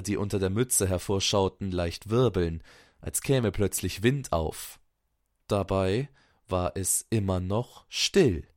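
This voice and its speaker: A man reading a fairy-tale story aloud in a calm, soft-spoken way. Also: lowish voice, no room sound, clean studio sound. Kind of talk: scripted storybook narration.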